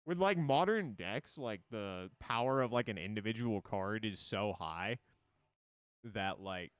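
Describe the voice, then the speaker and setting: A man's voice: fairly low pitch, lively intonation, measured pace, smooth, dry recording. A man streaming a card game, explaining it in loose, rambling casual talk full of fillers.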